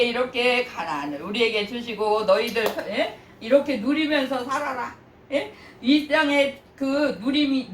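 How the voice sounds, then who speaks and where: A woman's voice: on the high side, slight background noise. An older woman pastor preaching in a chatty way, often asking the congregation questions and laughing. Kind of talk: sermon. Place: church sanctuary. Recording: echoey church from a distance.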